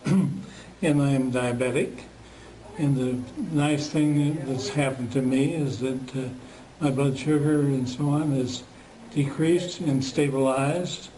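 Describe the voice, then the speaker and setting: Halting man in his eighties. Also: mid-range voice, warm tone, poor audio. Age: 80s. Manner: halting, many fillers, clears throat. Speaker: customer giving a testimonial. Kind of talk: unscripted testimonial.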